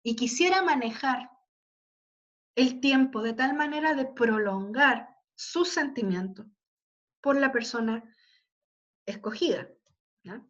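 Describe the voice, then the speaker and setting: A woman's voice: a little high, takes it slowly, long pauses, a bit bright. A woman giving a literature class, explaining patiently and checking in with "¿ya?" and "¿cierto?". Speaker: literature teacher. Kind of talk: online class lecture. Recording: slightly dull lo-fi audio.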